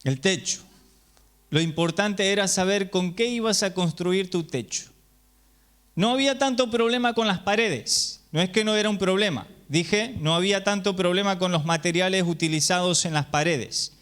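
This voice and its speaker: Speaking at a moderate pace with a high, fairly bright voice, a man delivers sermon teaching at a congregation gathering. He explains patiently and checks in through rhetorical questions.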